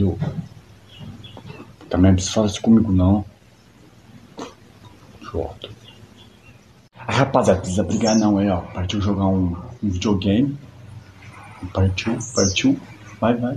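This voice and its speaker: A man with a low, mellow, dark voice bosses and teases his friends in a comic sketch. His talk is brash and slangy, full of quick outbursts. Faint outdoor noise sits behind him. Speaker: comedy sketch creator playing several kids. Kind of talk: comic sketch with teasing banter.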